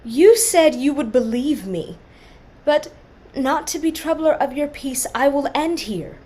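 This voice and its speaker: A woman's voice: high-pitched, animated, a little slow, warm tone. An actress playing a young orphaned noblewoman, sorrowful and dignified, speaking classical verse in an earnest, formal way. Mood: urgent. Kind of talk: classical verse stage acting.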